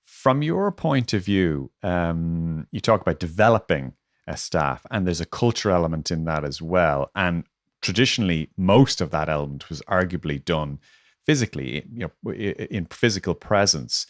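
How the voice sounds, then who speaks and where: A man hosting a conversational interview, speaking in hesitant, pausing phrases over an online call. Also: low-pitched, animated, dry recording, clean studio sound. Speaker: interviewer and show host.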